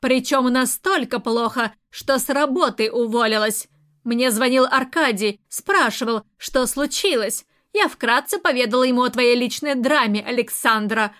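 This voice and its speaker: A woman reading the part of a stern middle-aged aunt, sarcastic and lecturing, in a high voice. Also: moderate pace, fairly bright tone, lightly acted. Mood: scornful. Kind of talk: audiobook character reading.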